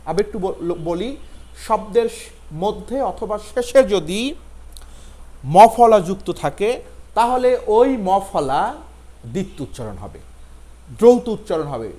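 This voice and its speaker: A man, giving a pronunciation lesson and slowly spelling out each word with emphasis. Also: sits high, a little mellow. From Bangladesh. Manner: slow, emphatic spelling-out of words. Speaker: teacher.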